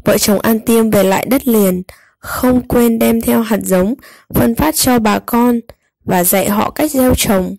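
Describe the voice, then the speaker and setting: A woman narrating a scripted storybook tale for young children, enunciating clearly as a storyteller. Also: fairly high pitch, takes it slowly, a little mellow, no room sound.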